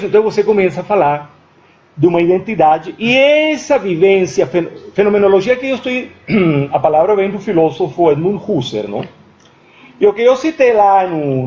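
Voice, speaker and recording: A man's voice: high-pitched, a little mellow. A man giving an academic lecture, thinking aloud with restarts and often checking in with "certo?" after his points. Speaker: guest lecturer. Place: university lecture room. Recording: dull lo-fi recording.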